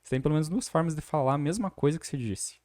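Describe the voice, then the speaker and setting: A man interviewing a guest in a casual chat. He sounds thoughtful and halting and uses many fillers. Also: fairly high pitch, a little mellow, dry recording, studio quality. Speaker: podcast interviewer.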